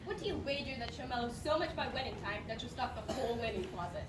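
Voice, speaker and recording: A woman playing a blunt, tomboyish young sister in an amateur stage play, recorded far off in an echoing room with loud crowd noise. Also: a little high, animated, fast talker, close to an everyday voice. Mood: wry.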